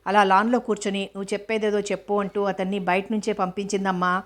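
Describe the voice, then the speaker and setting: A humble, devoted housemaid earnestly pleading with her mistress, as a woman voices her. She speaks softly and respectfully in a mid-pitched, level voice. A storybook reading. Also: little pitch movement, fast talker, close to an everyday voice.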